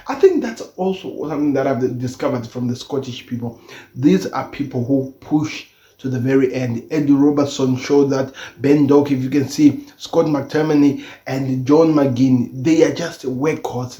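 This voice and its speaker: A man's voice: mid-range voice, warm tone. Man with toothache-affected speech, echoey room. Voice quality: slightly impeded speech from a sore tooth. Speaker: football channel host. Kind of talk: football match reaction commentary. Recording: dull, echoey room recording.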